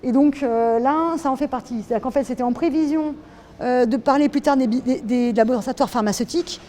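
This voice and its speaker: With a high, brisk voice of dark tone, this French artist gives a relaxed tour of her drawing. She speaks hesitantly, restarting often and leaning on fillers.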